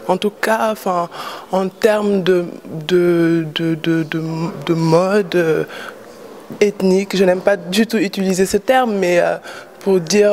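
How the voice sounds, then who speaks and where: A woman's voice: on the low side, darkish tone. A young woman from Paris, a fashion model, answering interview questions in a hesitant way, with many fillers and repeated words. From Paris, France. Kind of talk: casual interview.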